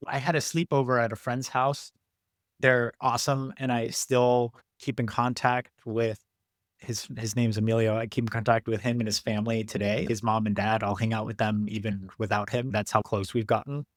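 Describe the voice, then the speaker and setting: American guy hosting a podcast, laid-back and chatty, mid pitch, dry close sound. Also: normal speed, dry recording. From United States. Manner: relaxed, reflective, chatty with many "like"s. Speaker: podcast host. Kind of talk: casual podcast conversation.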